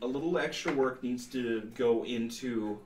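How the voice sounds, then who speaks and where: A man's voice: medium pitch, moderate pace, crowd noise. Man game master, roomy distant sound. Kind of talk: narrating a tabletop role-playing game. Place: indoor room, seated at a table.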